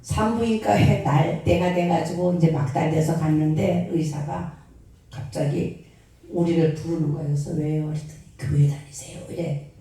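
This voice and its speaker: A woman in her sixties, a pastor, preaching a sermon and telling a story with lively, acted-out scenes. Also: deep voice, normal speed. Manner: animated storyteller acting out scenes. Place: prayer retreat hall. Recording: echoey hall, voice from far off.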